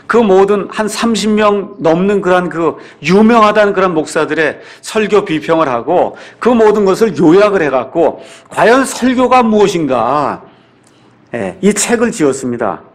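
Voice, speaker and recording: A man's voice: high-pitched, animated, moderate pace. A man preaching a sermon as pastor, emphatic and repetitive, with rhetorical questions to his congregation. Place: church sanctuary.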